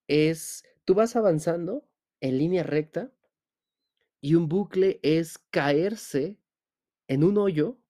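A man hosts a spiritual podcast in a mellow, warm voice. He talks straight to the listener and keeps posing rhetorical questions. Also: medium pitch. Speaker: podcast host.

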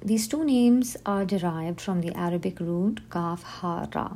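A woman host giving a scripted religious lesson, reading definitions in slow, measured lists. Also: on the low side, mellow. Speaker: podcast host teaching on Islam.

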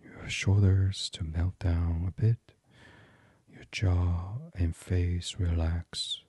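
Male meditation guide, very low, mellow and unhurried, close and dry. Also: level tone, husky, dry recording. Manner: slow, soft and soothing, drifting into whispers.

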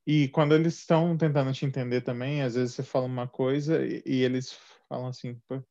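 Mellow Brazilian man on a muffled line. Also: mid-range voice, a little fast. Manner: relaxed, rambling with many fillers. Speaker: Brazilian living in Canada, sharing experiences. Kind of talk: casual chat.

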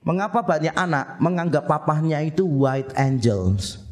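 A man's voice: a little high, lively intonation, moderate pace, a little mellow. A middle-aged male pastor preaching a sermon, asking rhetorical questions, answering them himself, and repeating phrases for emphasis.

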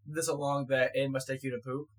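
A young man with a stutter, chatting casually as a podcast co-host, talking in halting bursts with many restarts. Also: medium pitch, flat delivery, poor audio. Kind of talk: casual chat. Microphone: one shared mic.

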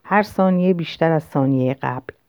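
A woman's voice: sits low, a little mellow. A woman doing a teasing young lover. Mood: playful. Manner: teasing, theatrical. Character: playful charming young man, a lover. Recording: dull lo-fi recording.

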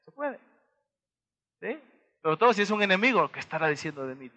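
A Mexican-accented man delivers a motivational talk in a high, bright voice. He keeps turning to his listeners with quick rhetorical questions and acts out small dialogues as he goes. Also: sing-song. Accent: Mexican Spanish. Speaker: motivational speaker.

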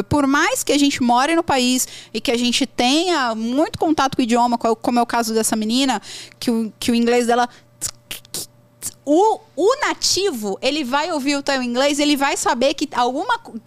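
Woman, Brazilian accent, high-pitched, emphatic repetitions, casual advice, dry close recording. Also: brisk, no echo. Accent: Brazilian Portuguese. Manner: animated storytelling with emphatic repetitions.

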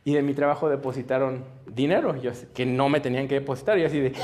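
Speaking fast in a steady, mid-range, darkish voice, a man delivers a conversational sermon before a church congregation. The recording carries a slight hiss or hum. He chuckles frequently while telling stories and acting out dialogue.

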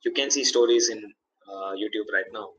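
Bright-voiced young man chatting tech. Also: fairly low pitch, moderate pace, rough recording. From India. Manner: rambling, filler-heavy. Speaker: podcast co-host. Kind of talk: casual tech chat.

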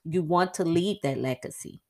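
A middle-aged woman with a fairly low-pitched voice talks on her own as a podcast host. She is chatty and animated, and her voice springs up high whenever she acts out a quoted aside. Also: normal speed. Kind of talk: casual solo podcast monologue.

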